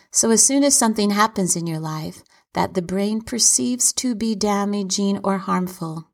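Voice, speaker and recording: A woman giving a calm, reflective motivational talk, often dropping into soft whispers. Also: lowish voice, creaky. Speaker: self-help speaker.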